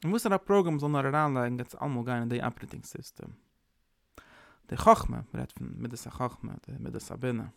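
A man's voice: mid-range voice, fast, gravelly, no room sound, studio quality. A man giving an informal, rambling sermon, mixing in English words. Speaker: preacher. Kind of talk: informal Yiddish-tinged sermon.

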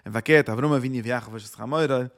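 A man giving an informal religious teaching, halting and repeating himself, with English words mixed in. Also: medium pitch.

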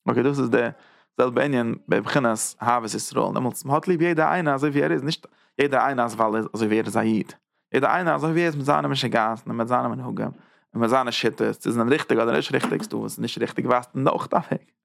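Man, religious teacher, gravelly voice, dry close sound, repeats himself, rhetorical questions. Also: medium pitch, fast talker, dry recording. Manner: thinks aloud, repeats phrases and asks rhetorical questions. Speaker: Torah teacher giving a class. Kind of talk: lively religious lecture.

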